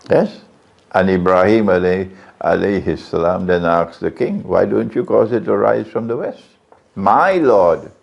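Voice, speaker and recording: A man's voice: vocal fry, a little mellow, husky. A man preaching a sermon, questioning his audience often. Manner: questions the audience, varies his pitch widely. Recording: lo-fi, dull sound.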